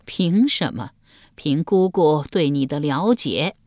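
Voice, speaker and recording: A woman's voice: sits low, animated, slow, darkish tone, no room sound, clean studio sound. A woman voicing a shrewd, stern elderly grand empress dowager who speaks coldly and commandingly in a storybook reading. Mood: measured. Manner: cold, imperious, scolding.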